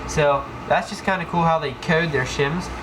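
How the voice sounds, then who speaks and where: Fairly high in pitch and moderately paced, a man demonstrates airsoft gearbox work on the floor of an indoor room. He has a cold and keeps the tutorial casual and rambling, with frequent ums and restarts. The home video is noisy, with clicks.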